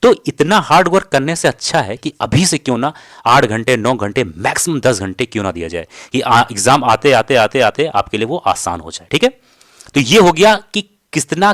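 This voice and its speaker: Male exam coach, firm and repetitive, close dry sound, mid-pitched voice. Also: fairly bright tone, no echo. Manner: direct, repeats key points, asks "ठीक है?" often. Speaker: exam prep teacher. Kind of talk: study strategy lesson.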